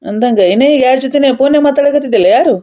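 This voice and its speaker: A woman's voice: high voice, very fast, dark tone, highs cut off, natural voice. A woman voicing a teasing older uncle in a cartoon, speaking in a drawling manner. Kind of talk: cartoon dialogue acting.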